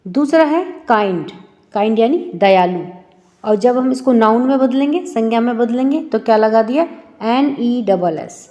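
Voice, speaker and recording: A woman teacher talks students through a lesson at a very slow, careful pace. Her voice sits a little high. She keeps asking questions and then answering them herself, and her words ring out with a long reverb tail. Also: mellow. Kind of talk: explaining an English lesson for schoolchildren.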